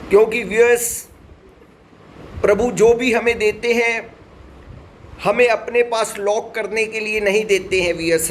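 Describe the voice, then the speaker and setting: Slow high-voiced male English teacher. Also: fairly bright tone, a little hiss or hum. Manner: slow, deliberate, spells words letter by letter; repeatedly addresses the viewers. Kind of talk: spoken English lesson.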